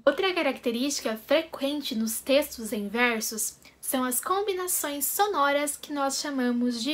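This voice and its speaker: A woman, giving a scripted literature lesson in a clear, measured explanatory way. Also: high-pitched, a bit bright. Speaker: literature teacher.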